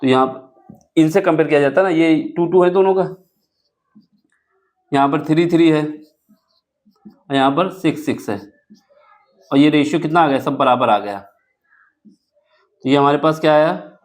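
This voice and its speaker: A man's voice: fairly high pitch, normal speed, pauses often. A man teaching a board-exam math lesson step by step, asking questions and answering them himself. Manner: asks rhetorical questions and answers them, self-correcting aloud.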